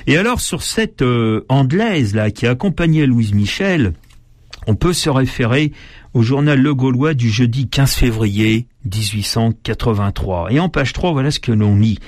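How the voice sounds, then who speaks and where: A man's voice: mid-range voice, lively intonation, measured pace, no room sound, clean studio sound. A man reading aloud from old newspapers and breaking off to comment, with many fillers and restarts. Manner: hesitant, many fillers and restarts between read passages.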